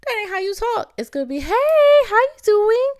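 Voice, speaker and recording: A middle-aged Barbadian woman hosts a motivational podcast, speaking at a moderate pace in a very high voice. She's lively and playful, and she calls the listener "baby."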